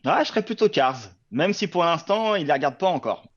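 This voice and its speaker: A man's voice: a little high, lively intonation, fairly quick, lo-fi sound. A man from France, a company director, answering casually and briefly in a live chat. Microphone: live video call.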